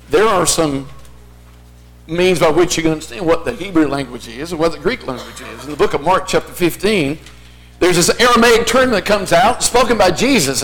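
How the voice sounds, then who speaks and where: Male preacher, high-pitched voice, explanatory sermon delivery with rhetorical questions. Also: a bit bright, poor audio. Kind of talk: sermon, teaching Bible basics point by point.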